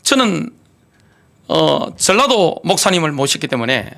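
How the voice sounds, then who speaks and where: Middle-aged pastor w gyeongsang accent preaching hard, gravelly edge, bright forceful voice, keeps asking the crowd questions. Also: male voice, on the high side, very animated, measured pace. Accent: Gyeongsang Korean. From Gyeongsang region, South Korea. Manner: emphatic preaching with rhetorical questions. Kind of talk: sermon.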